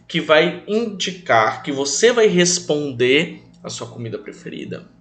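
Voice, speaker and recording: Brazilian guy teacher for kids, kinda high voice, slow and sing-songy, calls them his loves. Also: very animated, a bit bright, soft background music. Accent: Brazilian Portuguese. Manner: affectionate, calls pupils "meus amores", speaks of himself as "tio"; drills English words slowly for repetition. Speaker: English teacher. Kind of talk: online lesson for children.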